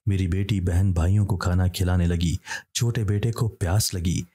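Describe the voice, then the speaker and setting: A man with a low, husky voice reads a scripted horror story. His tone is dark and mellow, and he keeps a steady pace as he voices every character himself. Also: moderate pace.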